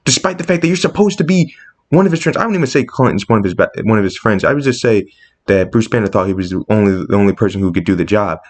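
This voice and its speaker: A man's voice: lowish voice, expressive, fast talker. Impassioned man ranting casually. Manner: impassioned, rising sharply when indignant. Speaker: comics commentator. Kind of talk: casual opinion monologue.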